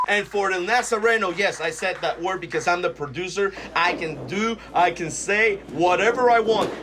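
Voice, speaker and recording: A man commentating on wrestling as an excitable lucha libre announcer, exclaiming at the action. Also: high voice. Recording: noisy recording.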